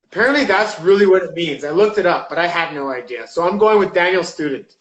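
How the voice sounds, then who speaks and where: A man's voice: high voice, expressive, fast, fairly bright tone, echoey room, highs cut off. A man in his thirties, a pro fighter, chatting casually in an interview, rambling with lots of fillers. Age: 30s. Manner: rambling, lots of likes and uhs.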